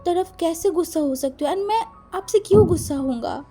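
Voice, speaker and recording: A woman's voice: very high-pitched, fairly quick, mellow, faint music behind, voice pushed up. A woman doing a shy, stammering young husband. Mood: shy, flustered. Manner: stammering, hesitant. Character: flustered, shy young husband, easily embarrassed.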